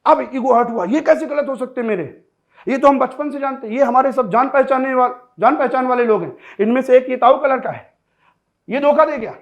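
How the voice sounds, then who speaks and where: A man teaching pronunciation in a classroom-style lesson, lively and joking, talking straight to his students. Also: very high voice, fairly quick, highs cut off.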